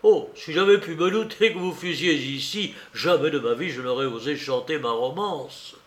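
A man's voice: fairly high pitch, moderate pace, natural voice. A man reading the part of a charming, self-pleased young amateur composer in a storybook reading, chattering eagerly. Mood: flattering. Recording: roomy echo.

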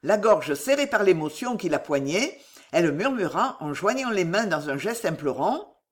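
A woman narrating a novel as an audiobook, in a dramatic, expressive way. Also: lowish voice, normal speed.

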